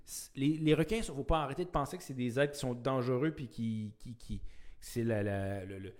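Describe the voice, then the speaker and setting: Québécois man, casual co-host, hesitant and repetitive, average pitch. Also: moderate pace, darkish tone. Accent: Québécois French. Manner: hesitant, repeats words, many euh. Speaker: podcast co-host. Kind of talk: casual chat.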